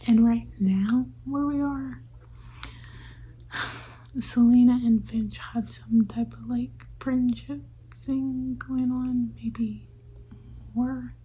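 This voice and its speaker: A woman's voice: fairly high pitch, fairly even intonation, drawn-out words, long pauses, mellow, a little hiss or hum, poor audio. A woman in her twenties whispering a late-night vlog check-in, chatty and loose, her speech a little off from a retainer. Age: 20s. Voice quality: slightly off speech from a dental retainer. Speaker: book vlogger.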